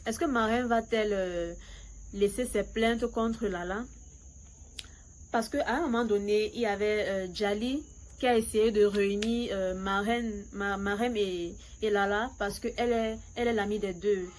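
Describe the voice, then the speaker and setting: Casting: woman reviewer, French, mid pitch, casual and chatty, some hesitation, faint background noise. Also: fairly even intonation, moderate pace, darkish tone. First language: not French; fluent in English. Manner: foreign-accented French, hesitant, switches into English. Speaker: YouTube series reviewer. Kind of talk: casual chatty opinion recap.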